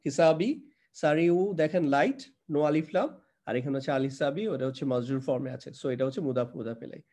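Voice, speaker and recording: A man's voice: a little high, a little mellow. A man teaching Quranic Arabic grammar in a live online class. He explains each example patiently, step by step, mixes in English terms, and quizzes his students by repeating their answers back to them.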